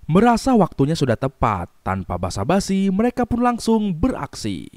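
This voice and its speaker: A man's voice: sits high, huge pitch swings, moderate pace, loud music behind the voice. A man narrating a scripted film recap.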